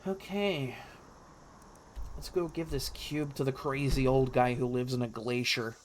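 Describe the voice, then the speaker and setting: A man's voice: mid-range voice, steady tone, unhurried, slight background noise. A man hosting a gaming video with casual, slangy let's-play commentary and a wry, joking manner.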